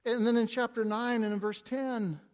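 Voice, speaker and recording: A man preaching an expository sermon, reading scripture aloud and swinging between hushed and emphatic delivery, with stumbling restarts. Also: very high-pitched, steady tone, normal speed. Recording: long reverb of a large hall.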